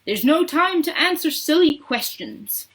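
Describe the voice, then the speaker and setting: Woman playing exuberant, high-pitched eccentric chocolate-maker man. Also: expressive, moderate pace, natural voice. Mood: excited shouting. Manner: theatrical, exclamatory, chanting. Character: exuberant eccentric male chocolate-maker, gleefully manic and commanding.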